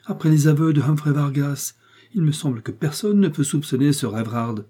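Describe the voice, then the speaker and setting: A man's voice: on the high side, brisk, mellow, slightly rough, pitched above the performer's own voice. A man voicing an anxious, reluctant aunt in a storybook reading, hesitant and pleading.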